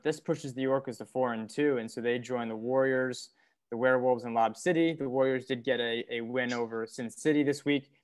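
A man's voice: mid-range voice, clean tone. Young man hosting a sports recap. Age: young adult. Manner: upbeat, steering the talk between guests. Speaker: host. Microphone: earbud headset on video call.

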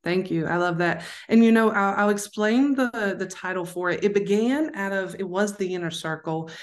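A woman's voice: mid-range voice, normal speed. A woman with a Southern accent, a life coach talking frankly and upbeat in a casual interview, often restarting and asking "right?".

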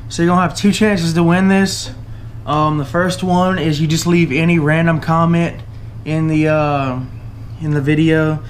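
Speaking in a Southern US drawl, a young fishing channel host goes through his tackle for a giveaway in a casual, relaxed, halting way, with lots of uh and um. His voice is a little high for a man, and a faint hiss sits under the camera-mic audio, recorded indoors at a table with the camera overhead.

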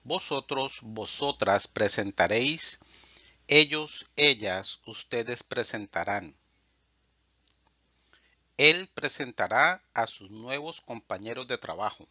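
A man teaching Spanish, reading verb conjugations aloud in a measured, drilled way. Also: mid-range voice, expressive, pushed and bright, no echo. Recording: dull lo-fi dry sound.

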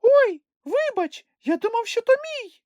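Sniff, a squeaky timid little creature. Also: male voice, big pitch swings, a little slow, a little mellow, no echo, studio quality, full character voice. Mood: frightened. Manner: very high thin put-on voice, fearful. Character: timid squeaky small male creature, easily scared. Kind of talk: audiobook character voice.

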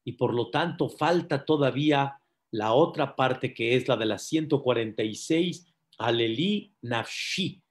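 A man's voice: medium pitch, measured pace. A man, a rabbi, giving a sermon-style Torah class, telling a story and addressing his listeners directly. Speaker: rabbi teaching Psalms.

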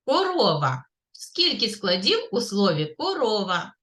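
Kindergarten teacher, woman, Ukrainian accent, slow sing-song delivery, bright tone. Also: medium pitch, wildly swooping pitch. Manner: slow, clear, sing-song teacher talk, praising often. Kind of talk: literacy lesson for young children. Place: kindergarten classroom.

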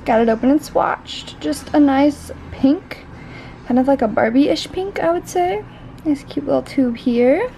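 A woman's voice: high-pitched, measured pace, vocal fry, warm tone, slight background noise, rough recording. A young woman rambling through a casual vlog unboxing, chatty and full of "like". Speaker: beauty vlogger.

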